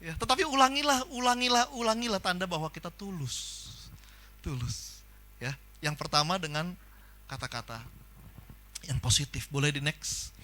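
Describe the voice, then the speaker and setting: Man, preacher, lively sermon, acts out quotes, high bright voice. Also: unhurried, long pauses. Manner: animated, acts out quoted people, loud bursts. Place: church hall.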